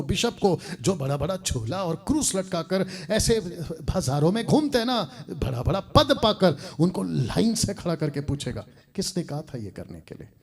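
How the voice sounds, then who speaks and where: Male pastor, husky voice pitched a touch high, combative and scornful preaching. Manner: scornful, mocking, laughs between points. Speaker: pastor and Bible teacher.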